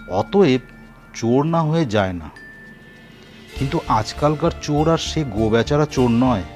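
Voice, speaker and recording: Slow, animated man reading a horror story. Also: mid-range voice. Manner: expressive, animated narration. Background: faint music.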